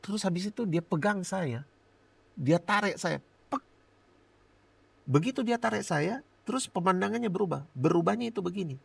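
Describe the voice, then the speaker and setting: Male pastor, gravelly, fairly high voice, dry close sound, animated testimony. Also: a little fast, no room sound. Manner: animated storyteller, laughs often, acts out his own prayers. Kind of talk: personal testimony in a podcast interview.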